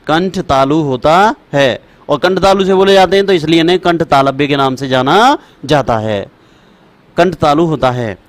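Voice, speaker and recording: A man teaching Sanskrit to students, repeating rules slowly for dictation and calling his students brother and child. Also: on the high side. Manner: repetitive, chanting rules for dictation. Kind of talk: classroom lecture.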